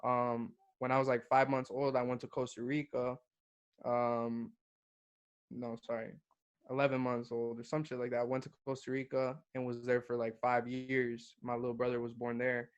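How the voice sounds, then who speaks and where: A man's voice: mid-range voice, monotone, moderate pace, smooth, highs cut off. A young man from Guatemala, a hip-hop artist, talking casually as a podcast guest, swearing freely and calling the host bro. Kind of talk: casual interview chat.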